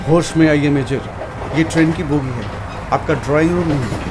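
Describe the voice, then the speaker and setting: An actor playing a calm, sensible train ticket examiner in a horror audio drama. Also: male voice, a little high, normal speed, background noise, natural voice. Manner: reassuring, then scared.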